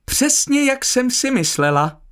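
A man voicing a brisk, theatrical elderly headmistress in a high put-on voice in an audiobook. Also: very animated, fairly bright tone. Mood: excited.

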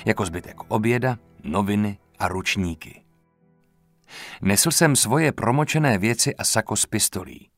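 A man narrating an audiobook in a calm, even storytelling manner, recorded on a close studio mic. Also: lowish voice.

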